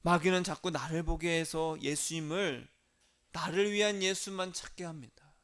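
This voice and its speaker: Man, pastor, sermon, slightly high voice, clear resonant tone, hushed then forceful exhortation. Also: moderate pace. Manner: earnest preaching, shifting between hushed intimacy and raised exhortation; acts out quoted prayers and dialogue in his own voice.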